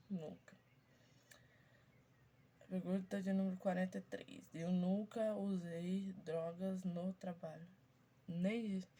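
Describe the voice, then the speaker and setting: A woman in her twenties with a stuffy, congested voice, chatting casually to her viewers as she slowly reads out questions and answers each one briefly. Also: on the low side, warm tone. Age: 20s. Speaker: YouTuber. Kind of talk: casual chat to viewers, reading out a question game.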